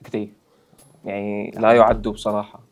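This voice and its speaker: A man's voice: fairly low pitch, flat delivery, normal speed. A 25-year-old man with a Levantine Arabic accent, pressing the others with questions in game-show banter. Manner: pushy, keeps asking questions. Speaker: contestant.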